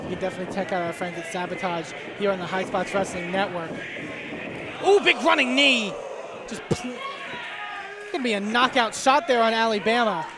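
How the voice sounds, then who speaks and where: A man doing live play-by-play wrestling commentary in an excitable way, punctuating his calls with exclamations. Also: high-pitched. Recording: noisy venue with loud crowd. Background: crowd noise.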